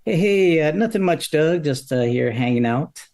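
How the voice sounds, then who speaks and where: Laid-back male co-host, halting speech. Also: on the high side, animated, darkish tone. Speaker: podcast co-host. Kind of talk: casual livestream chat.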